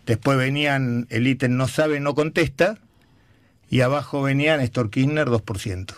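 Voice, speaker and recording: Halting Argentine man, radio guest. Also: mid-range voice, no room sound, studio quality. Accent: Argentine Rioplatense Spanish. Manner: halting anecdote teller, repeats words. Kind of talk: casual radio interview.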